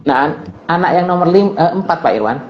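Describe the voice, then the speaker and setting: A man's voice: on the high side, lively intonation, fast talker. A middle-aged man and father, talking casually as a guest, hesitant with many fillers and restarts. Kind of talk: casual conversational talk. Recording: echoey, muffled with faint noise.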